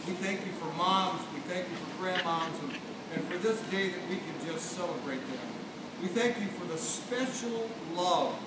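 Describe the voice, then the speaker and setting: Texan pastor, male, coaxing kids through a children's sermon; distant camera in a booming, reverberant hall. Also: very noisy. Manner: folksy, coaxing, talking to children. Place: large barn-like church hall, indoors. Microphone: far camera. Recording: very echoey hall, taped from far off.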